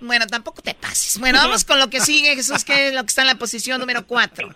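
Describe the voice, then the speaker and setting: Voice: high-pitched, fast, sharp tone, no echo. A radio co-host in casual, teasing banter with the other hosts. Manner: teasing, chatty, lets out bursts of laughter.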